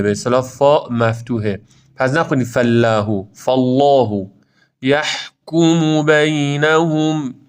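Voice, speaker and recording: Smooth-voiced man teaching recitation. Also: mid-range voice. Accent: Iranian Persian. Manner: explains letters slowly, then models each word in drawn-out recitation. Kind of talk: tajweed pronunciation lesson.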